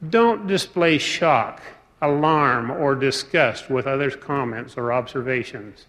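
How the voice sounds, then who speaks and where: A man delivers a formal sermon at a very slow, unhurried pace, leaving pauses between his phrases. His voice sits at an ordinary middle pitch. It carries the long reverb of a large hall. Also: a bit bright. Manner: measured, deliberate, pausing between phrases. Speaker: speaker.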